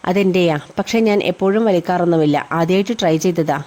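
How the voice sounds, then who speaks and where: Give me a woman playing a laid-back young college man in a storybook, mellow and warm. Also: on the low side, fast talker, natural voice. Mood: defensive. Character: young male college student, easygoing younger brother.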